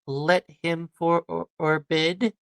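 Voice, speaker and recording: Woman reading as sly male fairy sprite, low smooth voice, halting amateur verse reading. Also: steady tone, no room sound, studio quality. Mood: solemn. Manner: halting, stumbling over the verse. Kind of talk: amateur live-stream Shakespeare reading.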